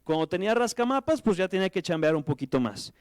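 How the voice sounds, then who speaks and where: Mexican guy, 30s, guest speaker, animated slangy storyteller, light pitch, dry. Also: quick pace, no room sound. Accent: Mexican Spanish. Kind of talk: conference talk. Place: lecture hall with audience.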